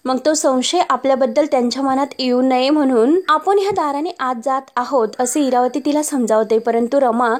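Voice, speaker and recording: A woman's voice: sits high, normal speed, few pauses. A woman narrating a recap of a TV serial episode as a voice-over. She tells it step by step and links each moment with "and now". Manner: steady storytelling, linking every step with "and now". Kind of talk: retelling a serial episode, quoting characters.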